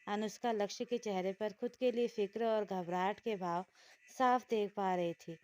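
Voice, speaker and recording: A woman narrating a romantic story as a storyteller in a steady, even way. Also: mid-range voice, normal speed. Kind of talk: scripted narration.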